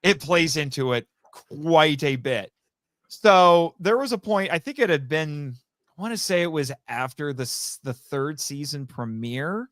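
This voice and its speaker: Unhurried and fairly bright, a man with a voice a little above average pitch chats as a podcast guest; he's a voice actor. He's enthusiastic and casual, explaining things at length and often backtracking to correct himself. Very little room echo colors the dry audio.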